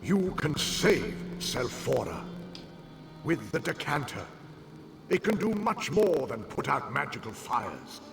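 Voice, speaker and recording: A man's voice: mid-range voice, very animated, gravelly, full character voice. An actor playing the earnest, tormented spirit of a dead man in a fantasy game, speaking solemnly and dramatically. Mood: grave, urgent. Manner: solemn, dramatic, deliberate delivery. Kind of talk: fantasy video game acting. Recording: game music behind the voice.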